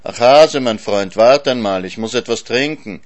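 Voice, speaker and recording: A man's voice: mid-range voice, moderate pace, lightly acted. A man voicing a greedy, moaning male hyena in a storybook reading, with a plaintive, pleading tone.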